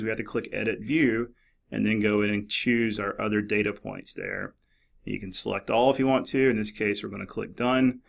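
A middle-aged man narrating a screen-recorded tutorial in a relaxed, explanatory way, with many fillers and restarts. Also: lowish voice, gravelly. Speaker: librarian demonstrating a database. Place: office.

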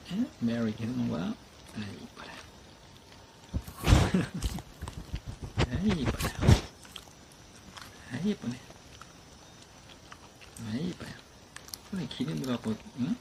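A man's voice: medium pitch, lively intonation, slow pace, pauses often. A man talking casually to his pet dogs in cooing baby talk as he feeds them. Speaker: dog owner vlogger. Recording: clear background noise.

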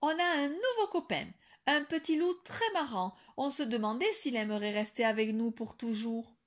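A woman voicing a big, kind-hearted male wolf in an expressive storybook reading. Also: fairly high pitch, normal speed, natural voice. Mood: warm.

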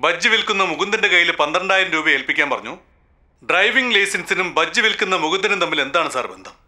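A brash TV reporter, fast-talking, bright and sharp, sarcastic, pressing. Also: male voice, sits high, lively intonation, full character voice. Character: brash male TV reporter confronting politicians. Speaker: TV news anchor questioning an official. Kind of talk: dubbed film acting.

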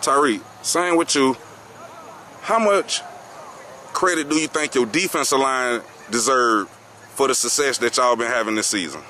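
A man's voice: mid-range voice, measured pace, bright, forceful tone, slight background noise. A man interviewing a football coach and players outdoors, formal and saying "yes, sir" after each answer. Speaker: sports interviewer. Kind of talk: postgame interview questions. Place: outdoor football field at night.

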